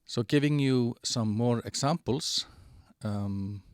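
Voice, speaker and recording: A man giving a halting walkthrough of an online platform, with many fillers and restarts. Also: medium pitch, smooth, dry recording, clean studio sound. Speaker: presenter of a digital platform. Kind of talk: screen-share product walkthrough.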